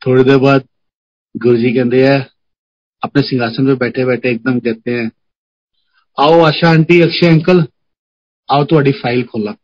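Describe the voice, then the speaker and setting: A man's voice: medium pitch, no echo, dull audio. A middle-aged man, earnestly sharing a devotional testimony and mixing in English phrases. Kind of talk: emotional personal testimony. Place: home on a video call. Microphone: video call.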